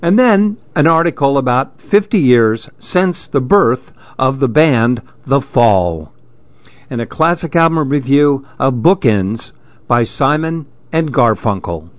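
A man's voice: medium pitch, expressive, slow, no echo. A man hosting a radio reading program, reading magazine articles aloud. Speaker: radio reading-service host. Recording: dull, lo-fi radio recording.

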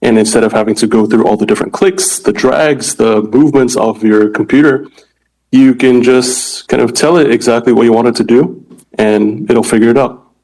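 A man's voice: medium pitch, normal speed, darkish tone, low-quality recording. A man in his twenties from Indonesia, a startup founder explaining his product earnestly in an interview. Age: 20s. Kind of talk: interview answers.

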